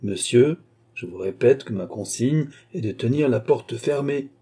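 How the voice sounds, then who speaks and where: A man with a husky, dark voice reading a rigid palace lieutenant who speaks stiffly and formally. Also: medium pitch, expressive, a little slow. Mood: firm.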